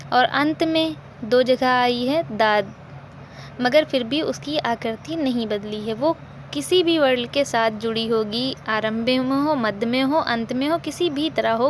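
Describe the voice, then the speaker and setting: A woman with a fairly high voice teaches a language lesson at a very slow, deliberate pace. She repeats each example and poses questions she answers herself. Faint background noise sits under her voice.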